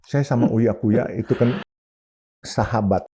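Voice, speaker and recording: A man's voice: mid-range voice, measured pace, background noise. A man, a businessman guest, telling stories animatedly in an interview, slipping in English phrases. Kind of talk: interview storytelling.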